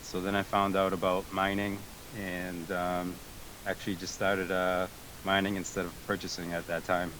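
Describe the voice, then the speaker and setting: A Greek-born man from a tech support team is a guest in an interview over a remote voice chat call, answering hesitantly with lots of fillers and restarts. His low voice is completely flat, fairly bright in tone, and moves at a normal speed. The recording is rough, with slight background noise.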